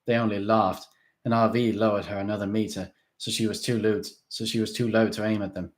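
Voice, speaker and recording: A man reading a first-person novel aloud in a steady, earnest storytelling manner. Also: fairly low pitch, a little fast. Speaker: audiobook reader. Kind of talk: first-person fiction narration.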